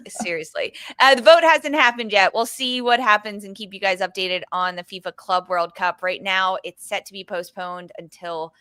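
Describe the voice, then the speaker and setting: A woman's voice: mid-range voice, moderate pace, hardly any pauses, pushed and bright, clear, resonant tone, no room sound. A woman hosting a sports podcast, upbeat and leading each segment over a video call. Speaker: host.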